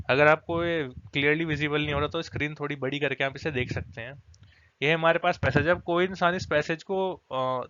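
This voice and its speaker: A man's voice: on the high side, a bit bright, highs cut off, slight background noise. A man teaching an exam prep lesson, explaining directly and mixing English terms into his Hindi.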